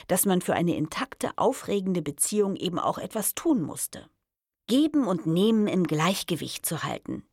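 A woman narrating a first-person novel in a wry, expressive way. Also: fairly low pitch, gravelly, slightly rough, dry recording, studio quality. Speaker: audiobook narrator.

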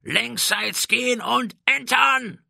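A man's voice: low voice, animated, normal speed, bright, forceful tone, husky, dry recording, studio quality, full character voice. A man voicing a bold, self-assured male pirate captain who barks orders, in a storybook reading. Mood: shouting orders.

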